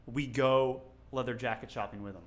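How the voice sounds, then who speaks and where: A man's voice: mid-range voice, fairly even intonation, moderate pace. A man co-hosting a casual podcast, rambling and joking with frequent laughs. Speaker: podcast co-host. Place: local to Las Vegas.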